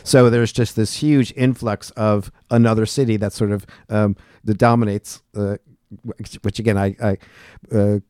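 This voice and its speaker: Man, radio co-host, casual chat, halting, dry studio sound. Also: on the low side, steady tone, a little mellow, smooth, dry recording. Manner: halting, many fillers.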